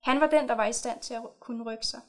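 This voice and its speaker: A woman reads aloud a short story she wrote herself, in a measured storytelling manner. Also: fairly high pitch, fairly even intonation, fairly bright tone. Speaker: author. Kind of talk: reading her own short story aloud.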